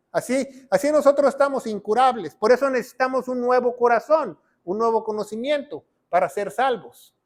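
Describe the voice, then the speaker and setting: A man preaching as a pastor and Bible teacher, asking rhetorical questions and reading verses aloud. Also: very high-pitched. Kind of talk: sermon teaching.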